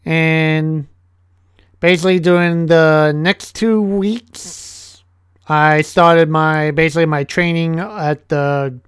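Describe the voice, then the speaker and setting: Halting man with a smooth voice. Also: a little high, fairly even intonation, fairly bright tone, dry recording, clean studio sound. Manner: halting, with many restarts and fillers. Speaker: vlogger, English teacher. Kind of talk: casual vlog narration.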